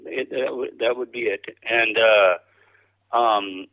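A man chatting casually as an interview guest, a cowboy poet with a halting, rambling, folksy storytelling manner. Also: medium pitch. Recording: thin band-limited radio or phone-like sound.

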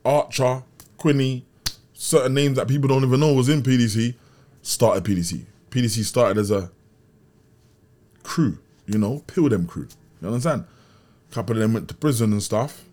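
His pitch is medium and his speed normal, though he leaves long pauses, and the tone is mellow. This Brixton-born man, with his South London accent, tells casual stories as an interview guest, slipping in street slang and checking often that he's getting through.

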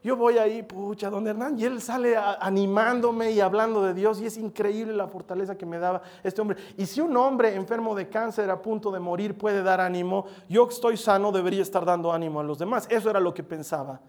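A man preaching a sermon. He talks straight to the listeners with questions and swings between loud stresses and soft drops. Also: high voice, fairly even intonation, brisk, hardly any pauses. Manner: directly addresses listeners with questions.

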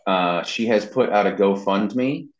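In a relaxed interview that wanders a bit, the guest, a man who does voice acting and web design, recounts stories about his job. His pitch is fairly low and he doesn't rush. It's a dull, roomy, lo-fi recording.

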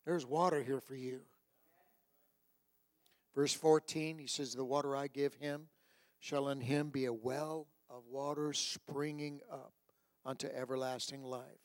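Man preaching, swinging from hushed to shouting. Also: medium pitch, fairly even intonation, unhurried, dry recording. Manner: exhorting, repeats phrases for emphasis. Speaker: pastor preaching to a church congregation. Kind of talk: sermon with altar call.

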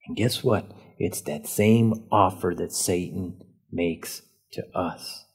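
A man's voice: sits low, slow pace, husky. A man preaching a sermon as pastor, leaning on key words and asking rhetorical questions.

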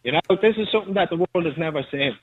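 A man phones into a radio show from a building site, his voice a little high, animated and racing with a breathy edge. He argues defiantly and talks over the host. The tinny, buzzing line keeps glitching and breaking up.

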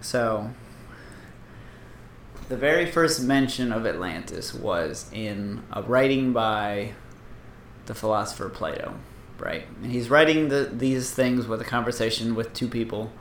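A man's voice: medium pitch, lively intonation, measured pace, reverberant, slight background noise. A man co-hosting a casual podcast, rambling and joking with a whiny voice and lots of fillers. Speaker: podcast co-host.

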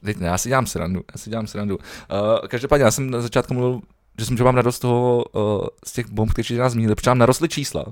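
A man's voice: medium pitch, steady tone, dry recording. Young guy from prague on a podcast, joking and rambling, mid voice, dry close sound. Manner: joking, rambling, laughs often. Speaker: podcast co-host. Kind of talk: casual chat.

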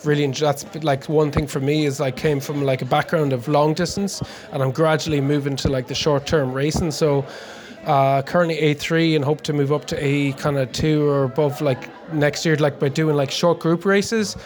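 A man in his forties speaks in a slightly high voice with a west of Ireland accent. He chats casually as a guest, feeling his way through his answers in a hesitant, conversational way. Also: fairly even intonation, normal speed, darkish tone. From Connemara, west of Ireland. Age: 40s. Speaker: interview guest, amateur endurance cyclist. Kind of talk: casual chat.

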